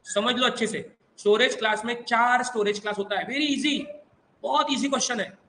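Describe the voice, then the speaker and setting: A man's voice: very high voice, fairly even intonation, a little fast, bright, forceful tone, echoey room, slight background noise, poor audio. A male computer teacher with an Indian English accent giving an exam revision lecture, quizzing his students in call-and-response and coaxing them along. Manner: reassuring and coaxing, addresses students as "beta".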